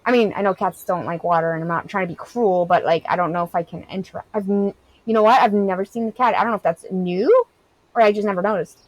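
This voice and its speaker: A woman's voice: mid-range voice, fast, no room sound, poor audio. Chatty woman streamer in her thirties. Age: 30s. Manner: candid, rambling, heavy use of "like". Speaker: game streamer. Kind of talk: casual chat, reading and answering live chat.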